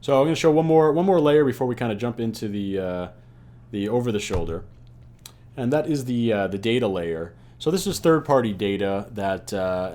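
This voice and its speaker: A man's voice: mid-range voice, a little mellow. A man teaching an online course in a loose, conversational way, full of "you know" and "uh" fillers. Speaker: online ads instructor. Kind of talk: casual unscripted lecture.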